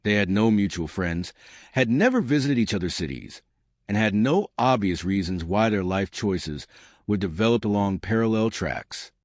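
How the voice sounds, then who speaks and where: A man giving measured scripted narration of a true story. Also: on the low side, lively intonation, dry recording, studio quality.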